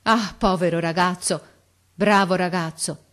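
A woman voicing a stern male cavalry officer in a storybook reading, giving loud, clipped orders. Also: fairly low pitch, normal speed, natural voice. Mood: grieving. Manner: barked orders.

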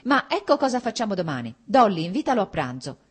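A woman's voice: medium pitch, sing-song, fast, slightly rough, pitched above the performer's own voice. Woman doing a hearty, effusive nobleman. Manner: effusive, insistent. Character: cheerful, hearty middle-aged nobleman.

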